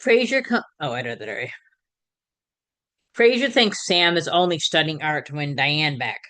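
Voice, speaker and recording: A woman hosting a podcast, casually recapping a sitcom episode in a conversational way, with fillers and quick self-corrections. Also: deep voice, expressive, fairly bright tone. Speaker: podcast host.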